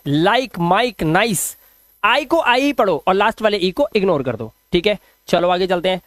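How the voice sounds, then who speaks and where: A man teaching English phonics rules, who repeats example words slowly and puts questions to his students. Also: high voice, fairly bright tone, no echo, studio quality. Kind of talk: phonics lesson explaining spelling rules.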